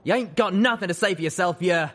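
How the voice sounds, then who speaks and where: A man's voice: high-pitched, fast talker, voice pushed up. A man voicing an older male pony drill sergeant who barks furious insults. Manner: shouting, barking insults.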